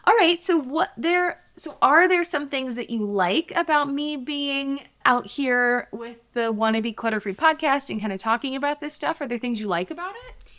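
A woman in her thirties hosting a podcast, talking in a chatty, upbeat way with direct appeals to listeners and a relaxed chat with her child. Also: sits high, moderate pace, no room sound. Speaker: podcast host.

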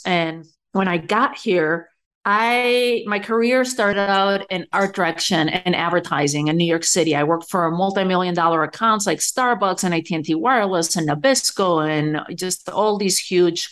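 A middle-aged entrepreneur from Spain appears as a guest on a podcast, telling her story in a casual interview. Her voice is lowish and a bit bright at normal speed, and she speaks conversationally with many fillers.

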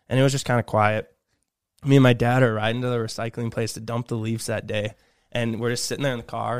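A man's voice: medium pitch, a bit bright. Young man, podcast host, casual rambling storytelling, laughs often. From United States.

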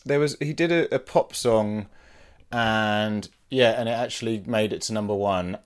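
Wry, low-voiced man hosting a podcast. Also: moderate pace, clean tone. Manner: wry, rambling, laughs often. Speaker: podcast host. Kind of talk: casual podcast chat.

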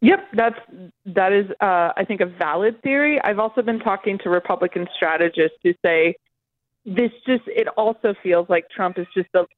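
A political reporter, interviewed as a guest, gives live answers over a dry, band-limited phone line with no echo. Her medium-pitched voice moves at a moderate pace as she explains things, often restarting her sentences.

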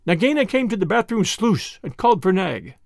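A man reading aloud and voicing an excitable, feather-brained little male songbird in a gushing, sing-song way. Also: high-pitched, brisk, vocal fry, dry recording, studio quality, heavily acted.

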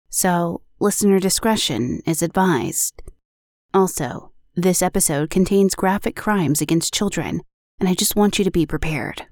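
A woman's voice: fairly low pitch, a little mellow, no echo, studio quality. A woman hosting a podcast, reading an announcement straight to her listeners. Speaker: podcast host.

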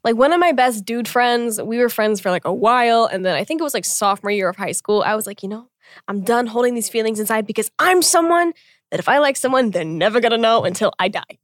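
A woman in her mid twenties, co-hosting a casual chat, telling stories in a relaxed way and laughing easily. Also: a little high, fast, no echo, clean studio sound. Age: mid 20s. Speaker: podcast co-host.

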